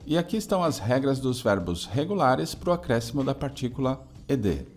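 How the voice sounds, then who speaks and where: A man from Brazil teaching an English lesson in a video, explaining grammar step by step and saying example sentences slowly. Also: medium pitch, sing-song, faint music behind.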